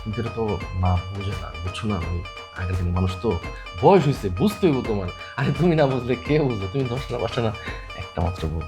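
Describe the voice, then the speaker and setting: An actor playing a young husband who stammers and coaxes his upset wife, talking very fast. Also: fairly low pitch, animated, over music. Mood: placating. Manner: stammering, coaxing. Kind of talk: TV drama acting.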